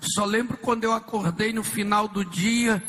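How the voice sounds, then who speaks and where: A man, a pastor, telling his life story in an intense, emphatic sermon-style testimony with dramatic pauses. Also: high-pitched, fairly even intonation, fairly bright tone, big-room sound, low-quality recording.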